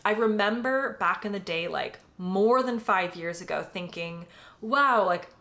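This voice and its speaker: In an unhurried, mid-range voice that sounds pushed and bright, a US woman in her late twenties chats to the camera for her personal vlog. Fillers like "um" and "like" crop up throughout.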